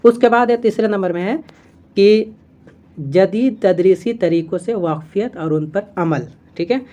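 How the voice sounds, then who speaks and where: A woman's voice: mid-range voice, measured pace, warm tone. A woman teaching an exam-prep lesson, reading from notes and explaining step by step, with fillers and self-corrections as she repeats key terms.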